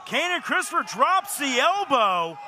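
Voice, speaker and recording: Male wrestling announcer, very high register, forceful shouted play-by-play, noisy live event sound. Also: very animated, unhurried. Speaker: wrestling commentator. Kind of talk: excited play-by-play wrestling commentary. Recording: noisy live arena recording.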